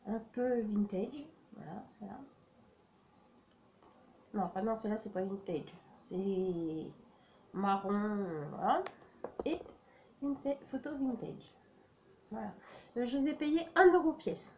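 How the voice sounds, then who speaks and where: A woman's voice: mid-range voice, animated, takes it slowly, pauses often, mellow, lo-fi sound, slight background noise. A woman casually showing her flea-market craft finds, hesitant and full of "euh" and "voilà". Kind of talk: casual show-and-tell vlog.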